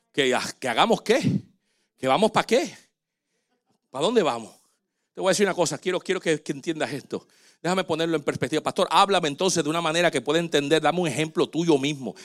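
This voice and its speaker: Animated man preaching a sermon. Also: a little high. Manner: animated preaching with quoted dialogue. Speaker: pastor.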